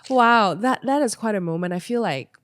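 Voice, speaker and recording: A woman's voice: medium pitch, lively intonation, normal speed, no room sound, studio quality. A woman hosting a podcast interview, reacting eagerly with lots of short responses and questions. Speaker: podcast host. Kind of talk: casual interview chat.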